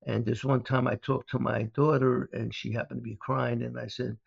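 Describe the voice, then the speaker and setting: This gravelly older man from Brooklyn, New York, once a mobster and now a speaker, talks at a normal speed in a flat, medium-pitched voice. He tells stories as an interview guest, rambling with plenty of "uh" fillers and restarts. The recording is dull, dry and lo-fi, with no room sound.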